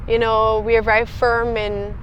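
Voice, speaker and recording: A woman's voice: on the high side, completely flat delivery, normal speed, muffled recording, slight background noise. A woman from Barbados with a Barbadian accent, hosting an interview and affirming her guest often. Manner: warm affirming, frequent "right" and "mm-hmm". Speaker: host.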